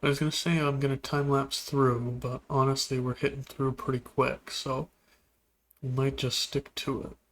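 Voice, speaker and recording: Gravelly-voiced man musing over gameplay. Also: medium pitch, normal speed. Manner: relaxed, musing, talks to objects in the game. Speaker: gameplay video host. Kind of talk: casual gameplay commentary.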